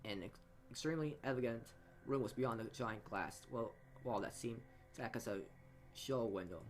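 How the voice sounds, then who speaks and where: Reading a visual novel for a let's play, a man speaks at a normal speed with a medium-pitched voice. He mixes asides into the game text, often tripping over words and re-reading them, as game music plays.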